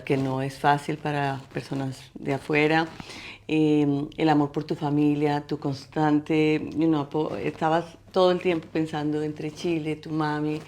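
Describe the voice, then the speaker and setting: A middle-aged woman from Colombia speaks in a low voice with a gravelly edge, answering interview questions. She talks haltingly, with fillers and restarts along the way. Faint noise sits under the recording. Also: a little mellow. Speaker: guest artist. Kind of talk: interview conversation.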